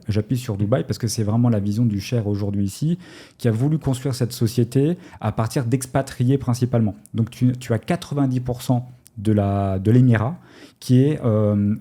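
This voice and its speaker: A man from France, a guest entrepreneur talking casually in an interview, often pausing with fillers and restarting his sentences. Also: medium pitch, dark tone. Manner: hesitant, many fillers and restarts.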